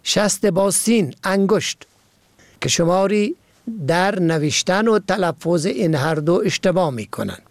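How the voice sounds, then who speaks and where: High-voiced man. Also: animated, no echo. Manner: measured, spells out words letter by letter. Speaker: language teacher. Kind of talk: scripted vocabulary and usage lesson.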